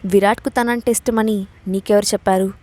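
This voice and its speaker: A woman's voice: mid-range voice, fairly even intonation, a little fast, darkish tone, close to an everyday voice. A woman reading the part of a domineering young man who mocks and threatens in curt warnings. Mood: sarcastic.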